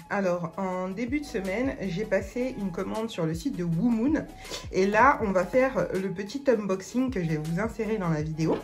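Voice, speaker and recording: A woman vlogger chatting casually through an unboxing, hesitant with many fillers and restarts. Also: medium pitch. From France.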